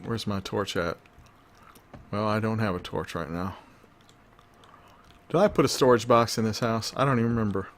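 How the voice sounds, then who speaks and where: A man with a low-pitched voice talks through a survival game as he plays. He rambles loosely and cracks jokes to himself between moves. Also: moderate pace, pauses often, slight background noise. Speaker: gaming video host. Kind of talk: let's-play commentary.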